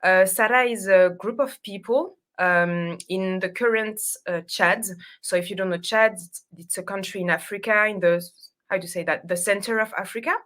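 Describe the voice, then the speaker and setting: A native French speaker from France, a woman with a French accent, is a guest being interviewed on a podcast. Her voice is mid-range and a bit bright at a moderate pace, and she speaks English hesitantly, searching for words.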